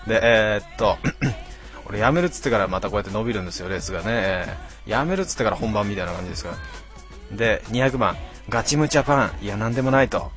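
A slightly tipsy man in his twenties rambles through viewer comments on his live stream, teasing himself in rough, slangy talk. His voice sits low. Soft music plays faintly behind him. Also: fast. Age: 20s. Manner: rambling, rough slangy self-mocking banter.

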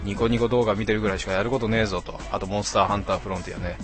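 Young man in his twenties, low voice, tipsy, rambling slangy stream chat, faint music behind. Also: steady tone, rapid-fire, fairly bright tone. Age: 20s. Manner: rambling, rough slangy self-mocking banter. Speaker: live streamer. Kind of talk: casual live-stream chat reading viewer comments.

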